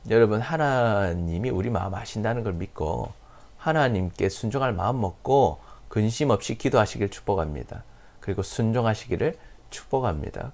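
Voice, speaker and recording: A male pastor preaches a sermon in a medium-pitched, darkish voice, asking rhetorical questions and answering them himself while repeating blessings.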